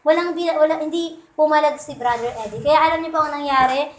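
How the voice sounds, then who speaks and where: Woman preacher, high voice, chatty sermon delivery, echoey church room. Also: fast talker. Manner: conversational, asks "di ba?" often, acts out quotes with humor. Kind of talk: Sunday sermon. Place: church hall.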